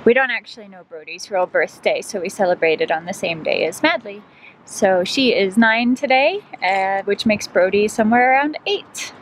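A woman's voice: mid-range voice, lively intonation, moderate pace, low-quality recording. A woman in her thirties chatting casually to a camera at arm's length outdoors. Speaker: travel vlogger. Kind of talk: casual vlog chat to camera. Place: outdoors in a campground. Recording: outdoor camera audio with clear background noise.

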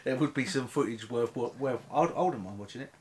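This middle-aged man co-hosts a vlog from a bed in his bedroom, his talk loose, rambling, and cheeky, often broken by laughter at his own jokes. He speaks briskly in a mid-range voice, with a crowd audible behind him.

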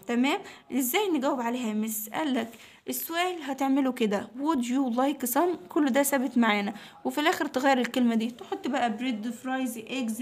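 A woman with an Egyptian Arabic accent teaching English to young children, patiently repeating each new word slowly several times. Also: a little high. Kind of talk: recorded lesson for young children.

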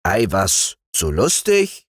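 A man reading aloud voices a smooth-talking male sorcerer who flatters and tempts. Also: sits low, takes it slowly, no echo, studio quality, full character voice. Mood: coaxing. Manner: persuasive, bowing and flattering.

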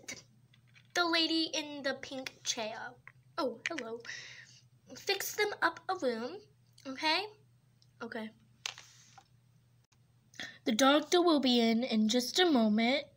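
Here the same kind of homemade toy-pet hospital short has a woman playing all the characters herself, shifting between whispers and squeals. She speaks in a high, slightly bright voice over a faint background hiss.

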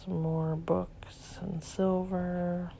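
A woman vlogger and reseller casually narrating as she browses an antique store, softly marveling and sometimes dropping to a whisper. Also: fairly low pitch, flat delivery, extremely slow, creaky, a little hiss or hum. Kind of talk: casual shop-along narration. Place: cluttered indoor antique store.

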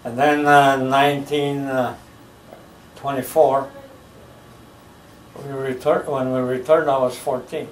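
Sitting in a living room recliner, an older US-born man is interviewed for a family oral history about his childhood. His mid-range delivery is flat, slow, and halting, full of pauses as he searches for details. A camera mic from across the room makes it sound roomy and distant, with a little hiss or hum.

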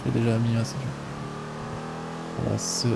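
A male streamer in relaxed, chatty casual commentary over his game. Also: mid-range voice, a little slow, gravelly, very noisy. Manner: relaxed, chatty, laughs often.

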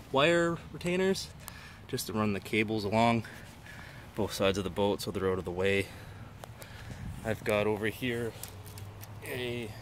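A man's voice: medium pitch, a bit bright, slight background noise. A man giving a casual, enthusiastic walkthrough of his fishing canoe, filmed outdoors on a handheld phone. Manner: enthusiastic, plain-spoken. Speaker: angler showing his canoe. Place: outdoors on a lawn. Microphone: handheld phone camera.

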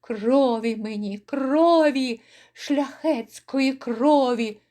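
A woman voicing a grief-maddened Cossack father in a dramatic poetry recital, crying out in anguish with slow, drawn-out lines. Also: high voice. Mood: raging lament. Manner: anguished shouting and lament, drawn out. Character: grief-mad Cossack father, furious and despairing.

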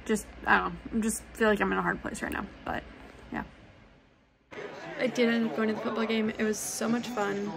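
A woman's voice: a little high, little pitch movement, brisk, vocal fry. A young American woman chatting casually in a bubbly sorority-girl way, sprinkling in "like", as in a college vlog. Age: young adult, about 18 to 20. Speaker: college student vlogger. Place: dorm bathrooms and dorm rooms. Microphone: phone at arm's length. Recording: noisy phone audio with background hum.

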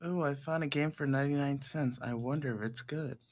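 A man's voice: fairly high pitch, fairly quick. A man joking around with friends during a game session, laughing often and using playful slang. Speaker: streamer friend. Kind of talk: casual gaming chat.

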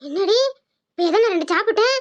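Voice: extremely high pitch, expressive, a little fast, lo-fi sound. A voice artist doing a whiny old granny. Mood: indignant. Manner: whining, self-pitying, sharp-tongued. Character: greedy old grandmother, a whiny mother-in-law. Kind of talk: Tamil cartoon dubbing.

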